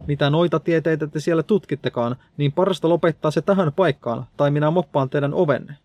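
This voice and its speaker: A blunt, defiant house cleaner voiced by a male narrator in a storybook reading, with a gravelly, dark tone. The lines come scolding and stubborn, recorded dry and close. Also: a little high, no echo, dull audio. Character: stern, gruff house cleaner with a mop, defiant.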